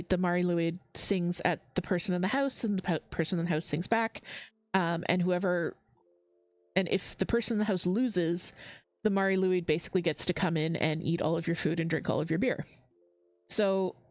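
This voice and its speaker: A woman's voice: on the low side, no room sound. A woman hosting a crafting livestream, chatting casually, reading chat comments aloud and laughing often. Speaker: livestream host.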